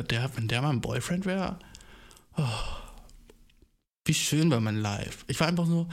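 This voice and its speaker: A young man, hosting a podcast and telling a story in casual, slangy speech, swearing freely and mixing in English words. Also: medium pitch. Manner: animated, jumps into exaggerated voices. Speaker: podcast host.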